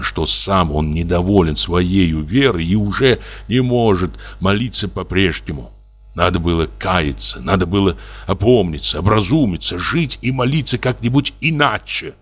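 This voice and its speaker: A man narrating a classic story in a measured, grave reading. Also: deep voice, fairly bright tone. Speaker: audiobook narrator. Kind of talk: scripted literary narration.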